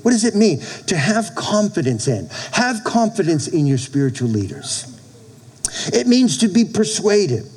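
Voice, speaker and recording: A man's voice: fairly high pitch, a little mellow, rough recording. A middle-aged man preaching a conversational church sermon as a pastor, folksy and emphatic, repeating phrases and prompting listeners for amens.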